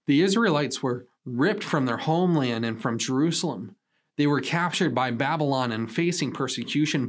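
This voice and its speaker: A man pastor preaching a sermon in an earnest, measured way, with emphatic pauses. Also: mid-range voice.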